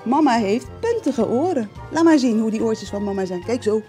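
A woman's voice: a little high, animated, moderate pace, warm tone, soft background music. A woman reading a picture book aloud to young children, sing-song and coaxing, asking them questions as she goes.

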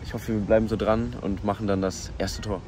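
A man giving informal, partisan pitchside match updates in short clipped phrases, recorded outdoors at a football ground. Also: level tone, brisk, over loud music. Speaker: vlogger commentating on a youth football match.

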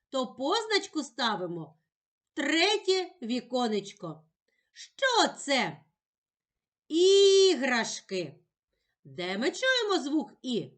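A woman teaches young children in a very slow, carefully articulated voice. She sits fairly high in pitch and lifts her intonation in a lively, sing-song way, stretching out each word she wants heard. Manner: drawn-out, sing-song emphasis on words and sounds.

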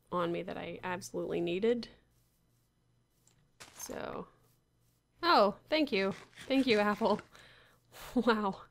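A woman's voice: mid-range voice, gravelly. A woman casually talking to herself while playing a block-building game, unsure and wry, muttering about where she is. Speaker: Minecraft player. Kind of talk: casual gameplay commentary.

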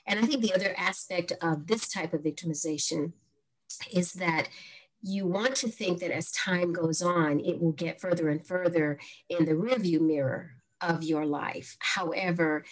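Low-voiced woman, measured expert. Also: rough recording. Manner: measured, explanatory, with "uh" pauses. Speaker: panelist, expert on victims. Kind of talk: panel discussion.

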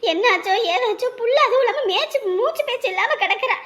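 A brash old village woman in a cartoon, mocking and bossing people around. Her voice is very high and piercing, and she calls out loudly. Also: animated, quick pace. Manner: brash, mocking, then overjoyed. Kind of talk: cartoon voice acting.

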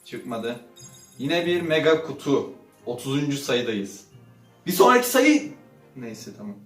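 A man doing casual gaming commentary as he opens loot boxes, swinging between low muttering and sudden loud outbursts. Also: sing-song, unhurried, distant mic. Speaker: gaming channel host. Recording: roomy sound from off-mic with faint music.

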